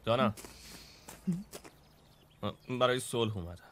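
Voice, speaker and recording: A man dubbing a drama character, speaking in a low, conciliatory way. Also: fairly bright tone, a little hiss or hum, natural voice. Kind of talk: Persian dub acting.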